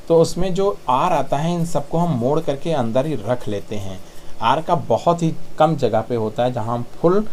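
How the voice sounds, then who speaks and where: A man, patiently explaining English sounds on slides and repeating them slowly. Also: mid-range voice, a little mellow, slight background noise. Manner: patient, repeats sounds slowly, says "thik hai" often. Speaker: English pronunciation teacher. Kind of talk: tutorial explanation.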